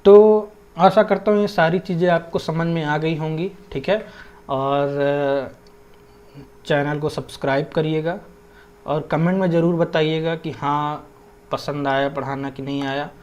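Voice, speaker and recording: A man's voice: a little high, fairly even intonation, a little slow, a little mellow, highs cut off. A young man explaining Hindi grammar in a casual lesson, often checking in with his listeners and mixing in English words. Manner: conversational, keeps checking in with "theek hai". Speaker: exam prep teacher.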